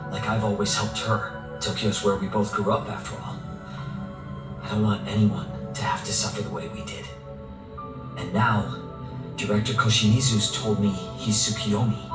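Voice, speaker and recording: A young man with a fairly low voice, performed by a male game actor. He comes across as earnest, protective and determined, speaking with sincere resolve. He sounds slightly distant in an echoey space, with music clearly behind him. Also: close to an everyday voice. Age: young adult. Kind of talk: video game voice acting.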